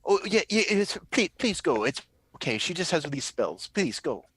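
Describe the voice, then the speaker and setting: A man's voice: fairly high pitch, sing-song, normal speed, a bit bright, slightly rough, no room sound, pitched above the performer's own voice, exaggerated voice. A man voicing an anxious young woman caretaker who hurriedly reassures and pleads. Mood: pleading.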